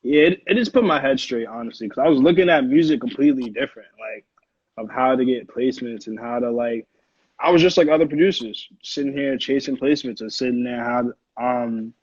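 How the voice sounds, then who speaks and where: Speaking fairly quickly, this Connecticut-born man in his early twenties talks informally and full of slang while guesting on an interview as a music producer. His American-accented voice sits at medium pitch, a little mellow and slightly rough. The audio is dry and muffled.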